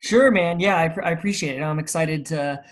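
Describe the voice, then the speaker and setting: Here the speaker is a man in his thirties from Charleston, South Carolina, whose first language is Swiss German but who sounds American. Appearing as a guest in a casual interview, this physical therapist and entrepreneur talks at normal speed in a voice on the high side.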